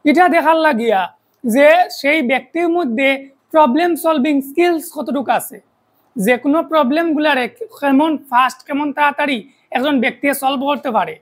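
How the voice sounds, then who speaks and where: A woman's voice: sits high, moderate pace, rough recording. A woman with a Sylheti accent teaching a math lesson for an online video, explaining step by step and often checking in with rhetorical questions.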